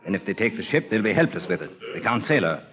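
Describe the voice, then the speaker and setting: An actor playing a stern, resolute sea captain in an audio drama, clipped, commanding and sardonic. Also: male voice, fairly low pitch, very animated, fast, a bit bright. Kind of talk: audio drama acting on a record.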